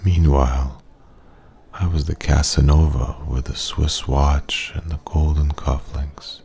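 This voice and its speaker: Man playing a very deep, gravelly old sage. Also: fairly even intonation, heavily acted. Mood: wistful, regretful. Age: older. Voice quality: soft-spoken, gravelly. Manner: old sage, slow, gentle, earnest counsel. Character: wise, regretful old man at a pub, an old sage giving life advice. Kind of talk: ASMR role-play.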